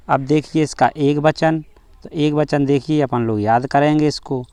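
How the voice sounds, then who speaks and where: A male teacher speaks in a smooth, resonant voice, taking his time over every word. He leads the class through slow chanted drills, repeating each form. The sound is close and dry, with no room echo. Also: medium pitch.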